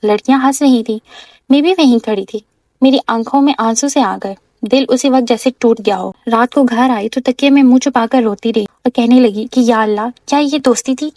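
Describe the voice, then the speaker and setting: A young woman narrating a first-person story in a soft, heartfelt voice-over. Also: on the high side, no room sound.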